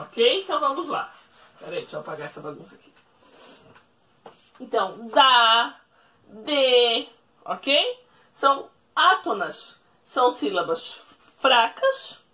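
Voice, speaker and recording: A woman teacher explaining a lesson at a whiteboard, speaking slowly, repeating each rule and checking in with the class. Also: high-pitched, fairly bright tone. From Brazil. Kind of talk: recorded remote classroom lesson.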